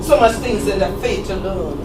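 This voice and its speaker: Female revival preacher, fervent and exhorting, emphatic drawn-out delivery, echoey church, distant mic. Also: lively intonation, loud music behind the voice. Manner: exhorting, rising to shouts and dropping low; drawn-out emphatic phrases with rhetorical questions. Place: church service.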